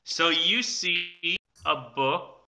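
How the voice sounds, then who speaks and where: A man narrating as game master in an online tabletop game, pausing often to look up details. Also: a little high, bright, forceful tone, reverberant. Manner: halting, looks things up mid-narration.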